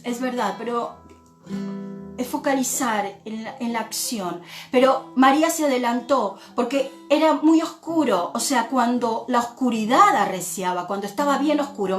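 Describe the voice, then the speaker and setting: High-voiced Argentine woman pastor preaching. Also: reverberant. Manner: reflective, slow pauses, repeats words. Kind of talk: sermon.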